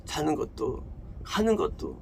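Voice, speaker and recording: A male pastor delivers an emphatic sermon, firing off questions and answering them himself. His voice sits high and leaps around in pitch, with a gravelly rasp at the ends of phrases. Faint noise hums underneath the recording in the church. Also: wildly swooping pitch, a little slow.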